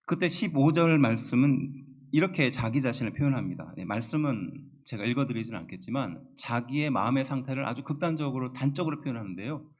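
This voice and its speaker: A man preaching in a steady voice of middle pitch. He explains scripture patiently and often asks his congregation questions. He slows down to stress the key phrases. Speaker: pastor. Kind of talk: sermon.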